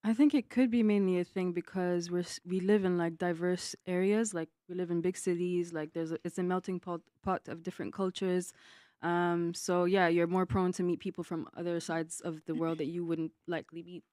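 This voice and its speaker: A woman's voice: on the low side, flat delivery, normal speed, warm tone, dry recording, clean studio sound. Hesitant woman in her thirties. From Kuwait. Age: 30s. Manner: hesitant, many "um" and "like". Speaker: panel guest. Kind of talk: casual panel discussion.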